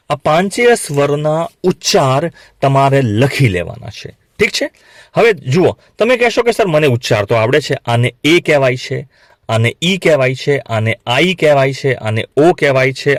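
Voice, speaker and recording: A man teaching English phonics to beginners, saying each sound slowly and asking learners to repeat it back. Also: a little high, dry recording. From Gujarat, India. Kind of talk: classroom lesson for beginners.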